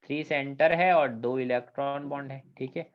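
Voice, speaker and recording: A man's voice: medium pitch, fairly even intonation, moderate pace. Guy lecturing on chemistry, keeps quizzing the class, dull lo-fi sound. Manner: asks the class questions and checks understanding often; mixes English technical terms into Hindi speech. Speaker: chemistry teacher. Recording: dull lo-fi recording.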